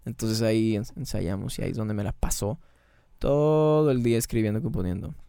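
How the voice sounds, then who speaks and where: A man with a Mexican Spanish accent, a singer talking casually as a podcast guest, slangy and quick with many restarts. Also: lowish voice, creaky, mellow, clear, resonant tone, no room sound, clean studio sound. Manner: slangy, fast and repetitive, restarts mid-phrase. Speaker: singer and band founder, guest. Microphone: studio mic in a small treated room.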